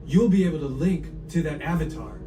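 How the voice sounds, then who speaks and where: A man's voice: a little high, a little fast. Male attraction guide, scripted explainer delivery, distant in an echoing, noisy space. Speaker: theme park attraction guide. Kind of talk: scripted live attraction briefing. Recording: echoey room, distant, noisy.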